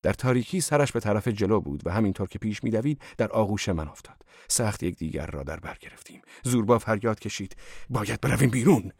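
A man narrating a novel as an audiobook in a steady, measured storytelling manner. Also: lowish voice, no echo, clean studio sound. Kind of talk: scripted literary narration.

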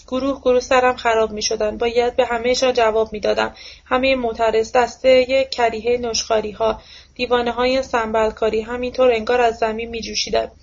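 A woman reads a novel aloud in a steady, even manner. Her voice sits somewhat high but barely moves in pitch. The recording sounds dull and lo-fi. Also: gravelly. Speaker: audiobook reader. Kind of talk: novel narration.

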